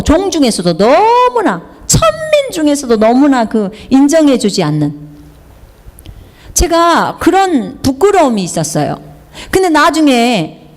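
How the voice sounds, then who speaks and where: A middle-aged woman missionary with a Jeolla accent, preaching a sermon in a chatty way, telling personal stories and asking the congregation questions. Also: high-pitched. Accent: Jeolla Korean. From South Jeolla, Korea. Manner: chatty, asks the congregation questions, slips into dialect.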